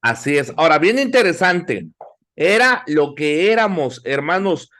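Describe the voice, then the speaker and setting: Man, middle-aged, Bible class sermon, exhorting, questioning listeners, somewhat high pitch. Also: sing-song, unhurried, fairly bright tone. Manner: exhorting, asks the audience questions. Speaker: Bible institute teacher.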